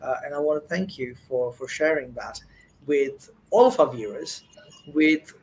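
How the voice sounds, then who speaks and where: A man's voice: medium pitch, moderate pace, a little mellow, rough recording. A man hosting an interview show, effusive and full of thanks, with fillers and restarts. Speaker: host.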